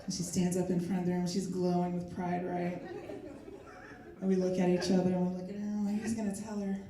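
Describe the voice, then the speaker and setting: A middle-aged woman performing a stand-up comedy set, telling stories in a wry way with filler pauses. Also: fairly low pitch, monotone, background noise. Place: live comedy stage with audience. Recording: echoey live room from far off.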